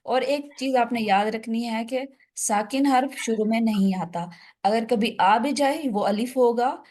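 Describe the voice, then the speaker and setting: Woman tajweed teacher, higher voice, patient step-by-step explainer on a video call. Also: a little mellow. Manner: explains step by step, asks students questions. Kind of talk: online class teaching. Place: online video call class.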